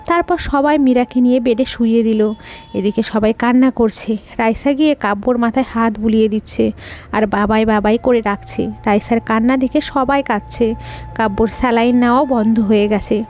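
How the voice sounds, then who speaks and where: A woman tells an emotional audio story in scripted narration. Her voice sits high and light. Her delivery is earnest and melodramatic. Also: darkish tone.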